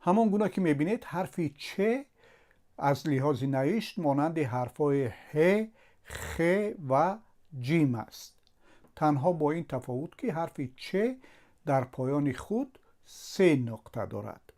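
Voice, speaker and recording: Sounding out each letter on its own, a man leads an unhurried spelling lesson, constructing syllables gradually and going over the same patterns again and again. He is patient and methodical, with a voice that sits on the high side, expressive and darkish.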